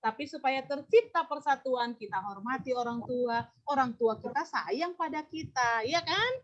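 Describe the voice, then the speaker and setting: High-pitched lady teacher going over a lesson, repeats stuff, asks the kids questions. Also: expressive, normal speed, a bit bright, highs cut off. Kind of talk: classroom teaching.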